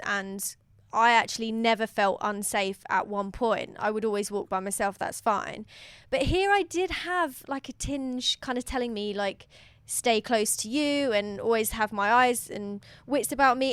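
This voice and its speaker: A woman with a fairly high voice chats casually as a podcast host. She speaks informally and conversationally, and the recording is dry and close with little room sound. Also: fairly bright tone, smooth, dry recording. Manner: chatty, informal. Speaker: podcast co-host and quiz master. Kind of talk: casual chatty podcast talk.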